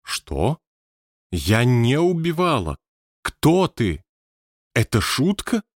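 A man's voice: medium pitch, wildly swooping pitch, slow pace, dry recording, clean studio sound, voice pushed up, full character voice. A man voicing a theatrical, self-important woman medium who declaims melodramatically in an audiobook. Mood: indignant. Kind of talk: audiobook character voice.

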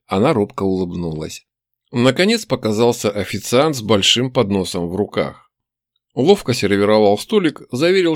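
A man reading a first-person story aloud in a wry, expressive way. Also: mid-range voice, dry recording, studio quality. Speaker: audiobook narrator. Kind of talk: first-person audiobook narration.

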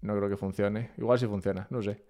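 A man's voice: lowish voice, a little fast. A man from Spain with a Spain Spanish accent, chatting casually and rambling to his live-stream chat from home. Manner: relaxed, rambling, self-mocking.

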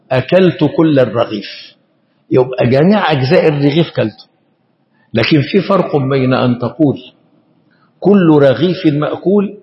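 A man with an Egyptian Arabic accent, an Islamic scholar teaching a lesson, speaking slowly and deliberately and often stumbling and repeating syllables as he explains. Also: fairly high pitch, lo-fi sound. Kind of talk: classroom lesson explaining grammar and meaning.

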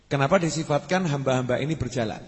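A man giving an Islamic study sermon. He repeats and stretches key words, and his phrases often trail off low. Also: fast talker. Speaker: preacher. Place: mosque study hall. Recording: long hall reverb.

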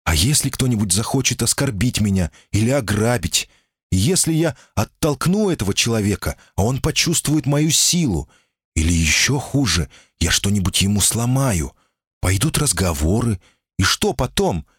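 A man's voice: lowish voice, big pitch swings, normal speed, husky, no room sound, clean studio sound, pitched above the performer's own voice. A man voicing a timid, guarded female golem in human shape, anxious and pleading, in an audiobook reading. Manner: anxious, pleading, often cries out.

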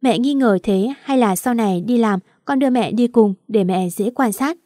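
A woman's voice: on the high side, normal speed, warm tone, no echo. A woman narrating an audio story in the first person, emotional and indignant, on a close mic.

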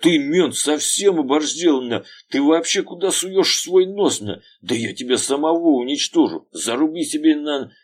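A man voicing a burly, furious construction boss who shouts hoarsely and swears. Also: fairly high pitch, lively intonation, normal speed, hardly any pauses, pitched above the performer's own voice. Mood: enraged.

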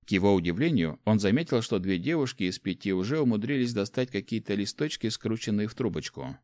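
A man narrating a fantasy story in a lively, expressive reading. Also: fairly low pitch, fast, no room sound. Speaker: audiobook narrator.

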